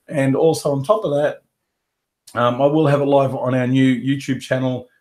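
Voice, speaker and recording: A man's voice: mid-range voice, little pitch movement, normal speed, darkish tone. Man with a head cold, hosting a webinar. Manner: casual, rambling, with many fillers and restarts. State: head cold, losing his voice. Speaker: carpet cleaning business coach. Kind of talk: live webinar Q&A. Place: home office.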